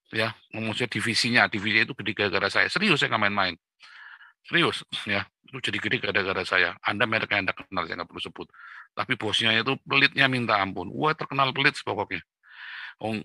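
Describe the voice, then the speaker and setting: A middle-aged man preaching a morning devotional, blunt and forceful, often asking his listeners "right?". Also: on the low side, breathy edge, no echo. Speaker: pastor.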